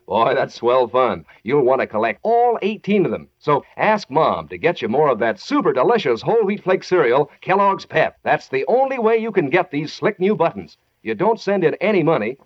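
A man giving a chummy, enthusiastic 1940s radio advertising pitch to children as the sponsor's announcer. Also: breathy edge, dry recording. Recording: dull vintage radio recording.

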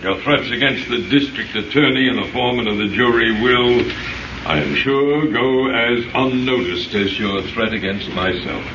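A man's voice: medium pitch, normal speed, natural voice. A man playing a stern, unmoved judge in old radio drama, formal, solemn and dryly dismissive. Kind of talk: 1930s radio drama acting. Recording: echoey, distant, muffled, noisy old recording.

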